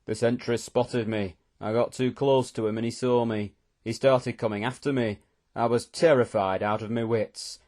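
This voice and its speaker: A man voicing a nervous, fussy older man who tells things in a low, grumbling, rattled way. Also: darkish tone, lightly acted.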